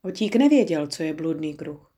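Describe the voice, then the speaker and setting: A woman with a fairly low voice reads a children's story aloud for an audiobook. Her delivery is calm and measured, with an unhurried narrating rhythm.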